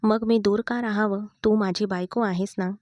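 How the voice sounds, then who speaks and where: A woman's voice: medium pitch, steady tone, normal speed, a little mellow, dry recording, muffled recording, close to an everyday voice. A woman reading the part of a jealous, possessive young husband who presses every word. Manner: insistent and demanding.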